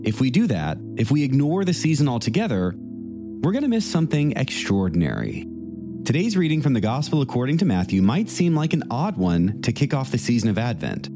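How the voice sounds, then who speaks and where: A man, a priest, leading a reflective meditation and reading scripture in a measured, gentle voice. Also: mid-range voice. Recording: music playing underneath the voice. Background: soft instrumental music.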